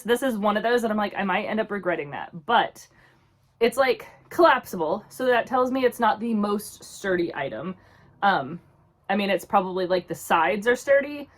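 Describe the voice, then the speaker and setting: Chatty woman with a stuffy head cold. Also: mid-range voice. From New York. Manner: chatty, rambling with many likes. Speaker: YouTube vlogger. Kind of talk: casual chat.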